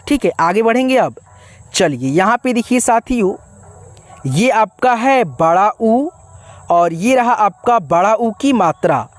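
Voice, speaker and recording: A man's voice: sits high, no echo. A man teaching a spelling lesson in a patient, repetitive way, asking questions and answering them himself and calling his viewers friends. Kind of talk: classroom-style spelling lesson.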